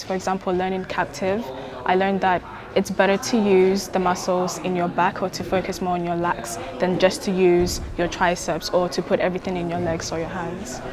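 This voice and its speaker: A young woman dancer explaining in a careful, considered way what she has learned, in a documentary interview. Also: fairly low pitch.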